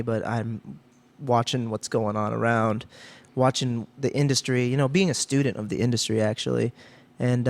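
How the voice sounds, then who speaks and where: A man's voice: medium pitch, darkish tone. Chill 30s guy from ohio, podcast guest telling stories, mid voice, restarts a lot. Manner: easygoing storytelling with frequent restarts. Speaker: guest, brewery owner. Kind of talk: casual chat.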